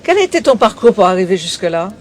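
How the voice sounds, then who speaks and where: A woman interviews someone on location aboard a sailing boat in port, her medium-pitched voice sing-song and darkish as she talks fast. Noticeable background noise from the location runs through the recording.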